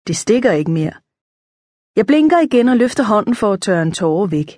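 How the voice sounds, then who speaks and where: A woman narrates a children's audiobook in the first person. Her pitch sits in the middle and her delivery stays lively. The recording is dry and close, with no room sound. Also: no room sound. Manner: lively, lifts her voice for the girls' dialogue.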